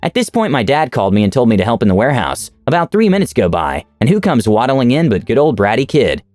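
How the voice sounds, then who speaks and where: A man narrating online stories as scripted narration, with an expressive reading. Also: medium pitch, fast, no echo, faint music behind. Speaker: story narrator.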